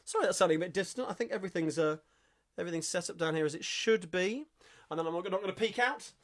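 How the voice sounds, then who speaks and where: A man's voice: sits high, quick pace, a bit bright. A man with a London accent hosting a live-streamed singalong, chatting upbeat between songs and breaking into old music-hall numbers. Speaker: singalong host and pianist. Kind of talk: casual live-stream chat with singing. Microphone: home streaming mic.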